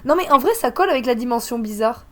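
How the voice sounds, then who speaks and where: A woman chatting casually with a friend, animated and laughing often. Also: on the high side, quick pace. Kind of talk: casual chat.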